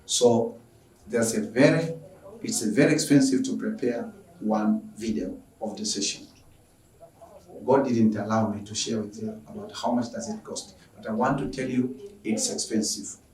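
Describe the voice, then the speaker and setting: A man's voice: fairly low pitch, moderate pace, a little mellow. A man from Tanzania, a math teacher, earnestly closing an online lesson and asking viewers for donations. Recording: echoey room, noisy from far off.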